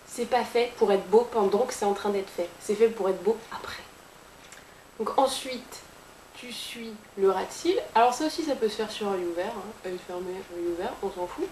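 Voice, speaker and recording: A woman's darkish, medium-pitched voice moves at a normal speed as she runs a casual makeup tutorial. As a beauty vlogger, she jokes around, chats freely and adds sound effects, recorded in an echoey space with faint hiss.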